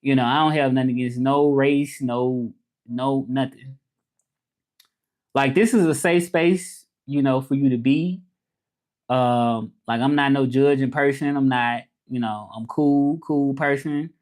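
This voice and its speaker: A man in his thirties from Memphis, Tennessee, a French teacher with a Southern accent, hosts a casual livestream chat. His mid-range voice is steady, unhurried, and a little mellow. His manner is loose and repetitive as he greets viewers and urges them to subscribe.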